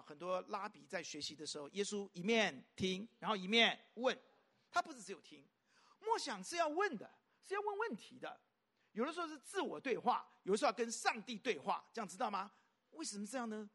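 A man preaches with lots of drive and rhetorical questions. His voice sits high and bright and jumps all over the place. He moves between loud, emphatic lines and soft, quiet ones. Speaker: pastor. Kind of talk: sermon.

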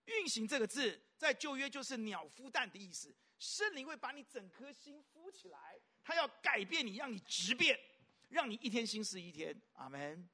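A man preaching a sermon as a pastor. He keeps asking rhetorical questions and swings from loud, emphatic lines to soft, quiet ones. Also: very high voice, sing-song, moderate pace.

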